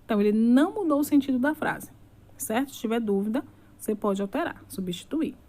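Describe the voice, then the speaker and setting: Female teacher, slightly high voice, recorded remote lesson, slow deliberate example reading, asks the class questions. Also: animated, warm tone.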